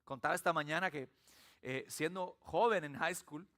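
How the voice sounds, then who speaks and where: A Salvadoran pastor with a Salvadoran Spanish accent preaches a sermon in church, his fairly high voice moving at a moderate pace. He tells animated stories laced with humor.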